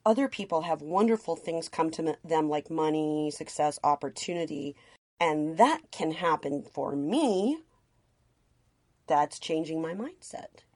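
Female co-host, a little low-pitched, curious and conversational. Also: expressive, a little slow, darkish tone. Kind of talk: casual podcast conversation.

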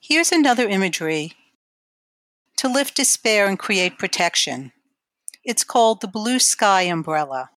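A woman giving guided imagery exercises in a calm, measured, instructional way. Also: mid-range voice, dry recording, clean studio sound.

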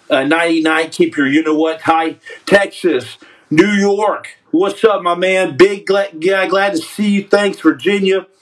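A man with a high voice hosts a loose, casual livestream, reading out the viewers' comments. He ribs the audience and calls people son. His voice sits a little back from the mic. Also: a bit bright, recorded from a distance, poor audio. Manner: joking, trash-talking, calls people son. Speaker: podcast host reading live chat.

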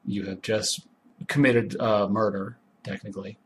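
Low-voiced man as a wry game master. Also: steady tone, measured pace, slight background noise. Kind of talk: narrating a tabletop game.

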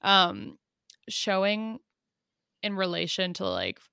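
Gravelly-voiced young woman chatting. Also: medium pitch, very animated, takes it slowly, sharp tone, dry recording, studio quality. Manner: hesitant, thinking aloud. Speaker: podcast co-host. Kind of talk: casual chat.

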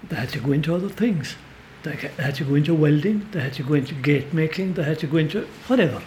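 Fast and on the high side, with a darkish tone, an older man from Kerry in Ireland rattles through rambling, emphatic stories. He is being interviewed in the back of a pub as a storyteller and folklorist, in a relaxed conversational manner, with slight noise behind him.

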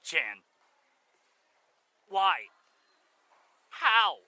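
Tense, sharp-voiced detective played by a man. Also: a little high, very animated, unhurried, no echo, full character voice. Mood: hurt, bewildered. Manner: questioning, insistent. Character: bewildered, betrayed police detective husband. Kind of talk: audio drama acting.

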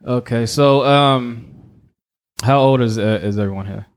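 A man's voice: medium pitch, unhurried, slight background noise. A man hosting a casual podcast, asking loose questions with plenty of fillers. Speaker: podcast host.

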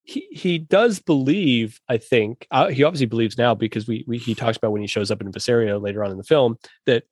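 A man's voice: medium pitch, a little fast, hardly any pauses, darkish tone, no echo, clean studio sound. A man co-hosting a casual film discussion podcast, thoughtful and rambling with frequent restarts. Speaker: podcast co-host.

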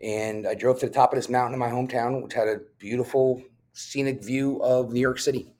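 A New Jersey police officer appears as a podcast guest, recounting his own story with blunt candor, plenty of swearing, and frequent "um"s. His voice sits at a medium pitch, steady in tone, slightly quick and a bit mellow.

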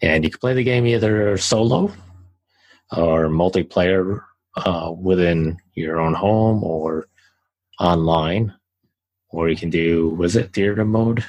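A man's voice: deep voice, slow, no echo, low-quality recording. A young man co-hosting a podcast, chatting loosely about a game he played, with fillers and restarts. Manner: relaxed, rambling with fillers and restarts. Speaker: podcast co-host. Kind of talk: casual game review chat.

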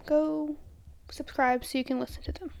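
A young woman co-hosting a podcast, chatting casually, sarcastic and quick to laugh. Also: high voice, level tone, gravelly, a little mellow. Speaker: podcast co-host. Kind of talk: casual chat.

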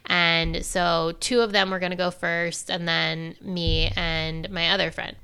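A woman casually telling a personal story, animated and acting out the dialogue. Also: on the low side, a little slow, clean tone. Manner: animated, acts out quoted dialogue.

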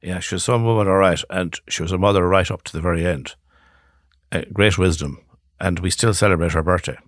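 An older man with a west of Ireland accent, reminiscing in a measured, reflective way as a guest in a conversational interview. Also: low-pitched, no echo, clean studio sound. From Galway, west of Ireland.

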